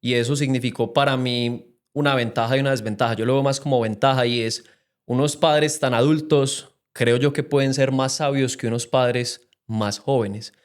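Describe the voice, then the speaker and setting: Podcast guest, young man, Medellín Colombian accent, earnest and reflective, mid-pitched. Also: steady tone, normal speed. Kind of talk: casual interview chat.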